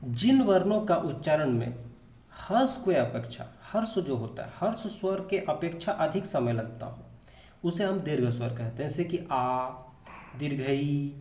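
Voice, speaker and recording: Male teacher, slightly high voice, patient step-by-step explainer, echoey room. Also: animated, moderate pace, a little mellow. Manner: explains patiently, repeats terms and asks rhetorical questions. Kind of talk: Hindi grammar lesson.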